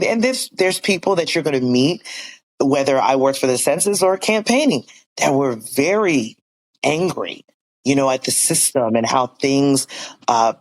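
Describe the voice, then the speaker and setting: A man's voice: medium pitch, low-quality recording. A man in his forties from Virginia, talking earnestly and upbeat as a guest in a casual interview, with many "you know" fillers. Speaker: school board member, guest.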